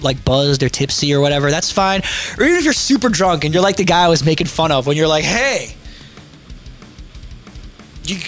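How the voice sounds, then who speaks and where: A young man, a band singer and vocal teacher, rambling casually on a livestream, swearing freely and acting out quotes in animated voices. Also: fairly high pitch. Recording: faint background music.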